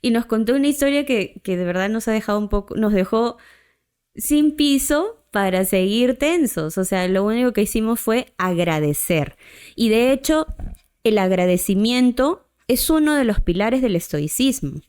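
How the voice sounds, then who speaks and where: A woman's voice: a little high, expressive, normal speed, darkish tone, clean tone. A woman, a podcast host telling a personal story in a chatty way, often tagging her sentences with a questioning "right?". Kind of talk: casual storytelling.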